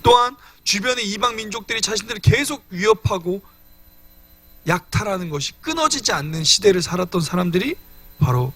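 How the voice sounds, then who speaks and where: A young male preacher delivers a midweek sermon, explaining scripture in an earnest teaching manner and speaking straight to his listeners. His voice sits high and bright, and his pitch rises and falls in animated swings. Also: no echo. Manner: earnest teaching, addresses congregation directly. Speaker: evangelist preaching.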